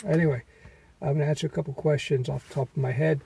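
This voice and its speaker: Man, hoarse and weak voice, gravelly, mellow, casual vlog talk from a car. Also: fairly high pitch, steady tone, fast talker, a little hiss or hum, rough recording. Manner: rambling with many fillers. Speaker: web development teacher. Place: inside a parked car. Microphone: phone.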